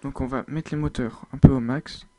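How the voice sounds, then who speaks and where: A man's voice: mid-range voice, steady tone, moderate pace, noisy background. A man giving casual, hesitant gameplay commentary, thinking aloud with many fillers. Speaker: video game uploader.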